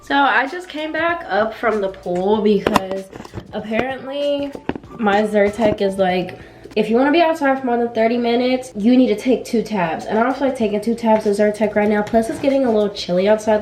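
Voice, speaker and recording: A college student and influencer in her late teens chats casually and playfully to her camera, rambling from her car and her home in vlog style. Her voice is fairly high and a little fast, heard over music, with the camera mounted in the car.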